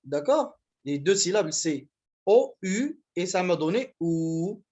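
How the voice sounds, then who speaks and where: A man with a Moroccan accent teaching a university French class over a video call. He explains slowly, stretching out example words and slipping into Moroccan Arabic. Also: high voice, very animated, darkish tone, lo-fi sound. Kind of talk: online class lecture.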